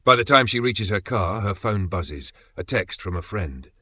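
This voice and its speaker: Man, scripted story narration, measured pacing, dramatic pauses, dry studio sound. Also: lowish voice, animated, bright, forceful tone, no room sound.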